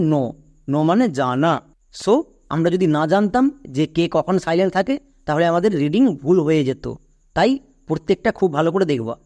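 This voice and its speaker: A man's voice: sits high, darkish tone. A man teaching English phonics step by step, patiently asking questions and answering them himself. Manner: patient, asks and answers his own questions. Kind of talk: step-by-step classroom explanation.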